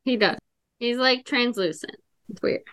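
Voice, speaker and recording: A woman's voice: on the high side, measured pace, a bit bright, clear, resonant tone. A young woman co-hosting a podcast, easygoing and casual, laughing often and adding agreeing asides. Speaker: podcast co-host. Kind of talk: casual chat.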